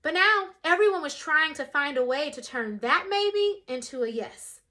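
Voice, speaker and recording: Brief: young woman storyteller, very high and bright, lively reading for kids. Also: moderate pace. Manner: expressive, shifts voice for quoted characters. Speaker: storyteller reading a picture book. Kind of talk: children's read-aloud.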